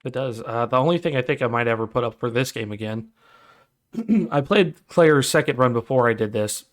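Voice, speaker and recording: A man's voice: mid-range voice, lively intonation, normal speed. A man co-hosting a podcast in casual chat, easygoing and rambling. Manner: easygoing, rambling with fillers and restarts. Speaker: podcast co-host.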